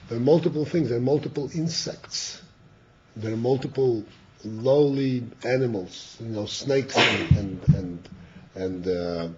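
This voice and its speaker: An older man, a rabbi, teaching a Chassidus class, who often repeats words and clears his throat. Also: medium pitch, darkish tone. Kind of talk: slow, halting Torah class. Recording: dull lo-fi class recording.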